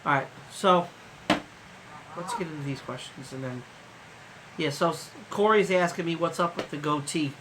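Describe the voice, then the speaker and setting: A man's voice: fairly high pitch, moderate pace, crowd noise, rough recording. A man hosting a casual live stream as a trucker, rambling loosely with lots of fillers and casual swearing, sleepy and yawning.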